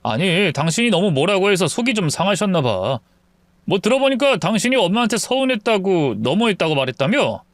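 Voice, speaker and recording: A man voicing a husband who speaks in a soft, coaxing, apologetic way to calm his wife, in a dramatized storybook reading. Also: high voice, a little fast, no room sound, voice pushed up. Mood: placating. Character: placating husband caught between wife and mother.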